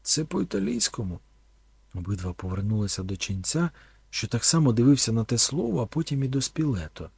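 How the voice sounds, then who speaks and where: A man's voice: fairly low pitch, sing-song, fast talker, a little mellow, husky, dry recording. A man narrating an audiobook in a dramatic, storytelling manner.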